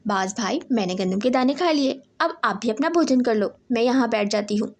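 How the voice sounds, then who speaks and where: A woman's voice: a little high, lively intonation. A woman voicing a naive, trusting little female sparrow in a cartoon story. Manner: sweet, quick to take offense.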